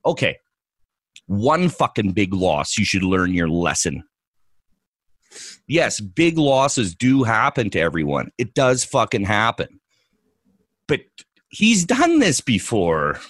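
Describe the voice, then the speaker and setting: A man's voice: on the low side, wildly swooping pitch, takes it slowly, long pauses, a bit bright, breathy edge, no echo. A man co-hosting a trading podcast, ranting profanely and mocking others in put-on voices. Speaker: podcast co-host, trader. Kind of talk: ranting casual podcast talk.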